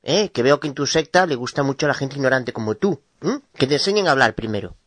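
A man's voice: medium pitch, expressive, quick pace, fairly bright tone, dry recording. A man who comments on religious video clips in a mocking, insulting way and sometimes stumbles over his words. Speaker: host of a religious debate channel.

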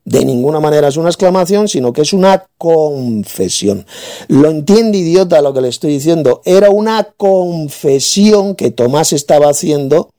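A man's voice: fairly high pitch, animated, normal speed, dark tone. A man from in a heated religious debate, combative and insulting, hammering his points home with repetition.

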